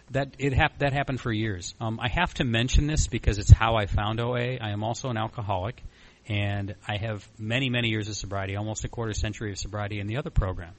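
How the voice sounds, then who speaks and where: At a recovery meeting, a man in his mid-40s offers a personal testimony that wanders informally, frank and self-mocking. His voice is on the low side, and the audio is poor.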